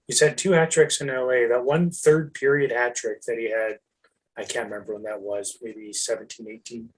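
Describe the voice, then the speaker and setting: Husky-voiced man in casual hockey chat. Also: mid-range voice, low-quality recording. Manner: animated, swearing, halting restarts. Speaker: podcast co-host.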